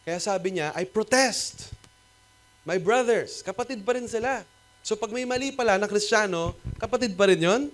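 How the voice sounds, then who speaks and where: A Filipino man preaches from the pulpit of a cinema used for church. His voice sits somewhat high as he argues his point in rhetorical bursts, mixing Tagalog and English. A faint electrical hum runs underneath. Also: brisk. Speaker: pastor. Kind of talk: sermon.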